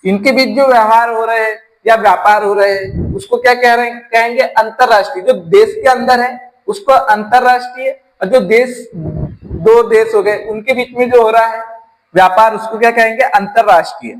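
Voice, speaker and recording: A man's voice: very high voice, moderate pace, low-quality recording. A man from teaching an exam-prep grammar lesson, explaining step by step and asking his class rhetorical questions.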